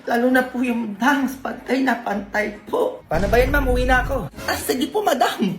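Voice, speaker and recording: A woman acting out several roles in short comic sketches, talking in a playful, teasing and animated way. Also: fairly high pitch, normal speed, echoey room, soft background music. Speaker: comedy sketch creator playing several roles. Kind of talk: comic skits, casual banter.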